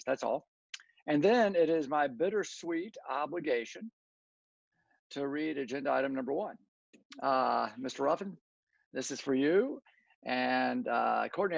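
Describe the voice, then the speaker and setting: A man chairing a virtual public meeting, reading a formal resolution in a flat, even tone. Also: medium pitch, vocal fry, dry recording. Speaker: commission chairman. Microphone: video call. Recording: dull dry lo-fi video call audio.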